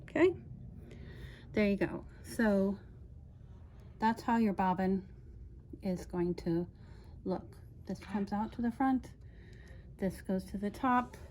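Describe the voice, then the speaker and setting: A woman's voice: medium pitch, slow pace, pauses often, a little mellow, a little hiss or hum. A woman casually demonstrating a sewing machine step by step, chatty and laughing often as she explains.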